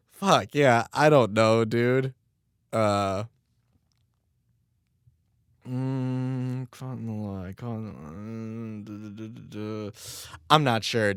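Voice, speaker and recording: In a clean, dry studio recording, a young rapper chats casually on his solo podcast, wandering from topic to topic, cursing and laughing at his own expense. His voice is lowish with a clean tone, though it's still a bit strained as it recovers.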